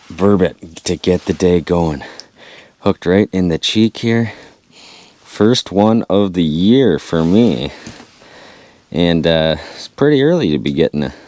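A man in his thirties vlogging from inside an ice-fishing tent, talking excitedly to viewers while reeling in fish, picked up by an action camera mic. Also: sits low, slight background noise. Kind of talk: excited play-by-play vlog.

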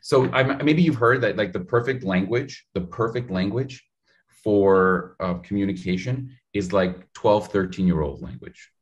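This is an energetic interview on a video call in which a man in his thirties shares public speaking advice, gesturing heavily and speaking directly to the viewer. His voice runs on the low side, picked up by an in-frame studio mic at home.

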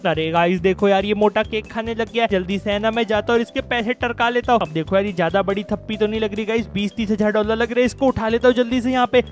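Excitable high-voiced gaming commentator. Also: male voice, fast talker, hardly any pauses, soft background music. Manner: excitable, addresses viewers as guys. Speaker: gaming YouTuber. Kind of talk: casual gameplay commentary.

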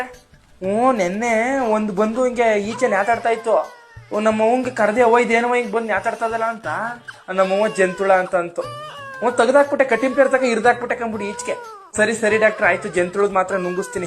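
In a comic skit, a man with a very high voice plays a fussy, gossipy young village mother who has just given birth, nagging and chattering away on the phone.

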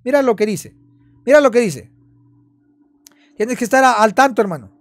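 A man's voice: very high-pitched, animated, normal speed, no echo. A man, a pastor, commenting on a video in a sermon style, emphatic and repeating his phrases.

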